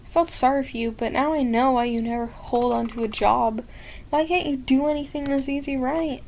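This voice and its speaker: A woman's voice: sits high, normal speed, gravelly, a little mellow, a little hiss or hum. A woman voicing an impatient inn boss scolding a shy worker in a game. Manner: scolding, exasperated.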